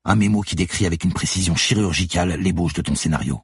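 A man's voice: deep voice, fast, slightly rough, no echo, studio quality. A man voicing a relentless woman police detective who lays out her accusations steadily and methodically in an audiobook. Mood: accusing, cold. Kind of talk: audiobook character voice.

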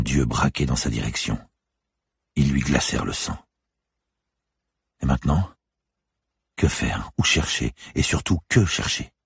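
Brief: very low, gravelly male reader with a husky edge, dry close mic, somber thriller narration. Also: dry recording. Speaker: audiobook narrator.

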